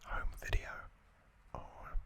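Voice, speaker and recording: A man hosts an ASMR video, whispering softly, slowly and deliberately into a close microphone as the creator of the video.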